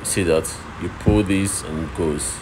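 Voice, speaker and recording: Man, low voice, phone walkthrough of a workshop, explains things twice, noisy background. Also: a little slow. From Nigeria. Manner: explaining step by step, repeats himself. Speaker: oven fabricator showing his work. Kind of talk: walkthrough narration while filming. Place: workshop and outdoor street site. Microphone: phone held while filming. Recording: phone video with loud background noise.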